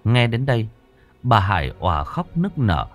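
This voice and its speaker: A man narrating a ghost story in a slow, somber, dramatic reading. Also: lowish voice, very animated, dull audio, faint music behind.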